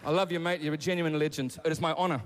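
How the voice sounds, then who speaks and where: A man's voice: on the high side, fairly even intonation, racing, some chatter behind. A man telling a teasing, chatty roast story on stage. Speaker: roast speaker. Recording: live stage with hall reverb and audience.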